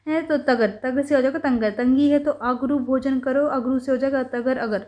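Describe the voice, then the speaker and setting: High-voiced woman teaching with playful mnemonics. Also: fairly even intonation, normal speed, darkish tone, highs cut off. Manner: playful storytelling with repetition and self-corrections. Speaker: ayurveda teacher. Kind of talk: mnemonic lesson explanation.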